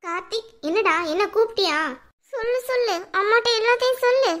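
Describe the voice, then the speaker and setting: A nagging, scolding cartoon mother-in-law, as a woman puts her on. The voice is piercingly high and bright. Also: lively intonation, quick pace, exaggerated voice. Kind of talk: cartoon voice acting.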